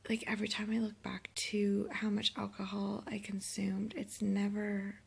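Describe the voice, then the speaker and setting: A hungover woman in her thirties talking in a weary, halting, self-reproachful way in a casual confessional vlog, sounding sick. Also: mid-range voice, monotone, creaky, husky. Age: 30s. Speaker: vlogger. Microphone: phone held by herself.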